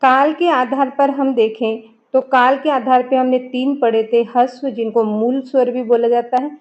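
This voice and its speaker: A woman's voice: high-pitched, fairly even intonation, normal speed. A woman teaching a grammar lesson, explaining step by step and asking and answering her own questions. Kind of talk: classroom lesson. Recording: dull lo-fi recording.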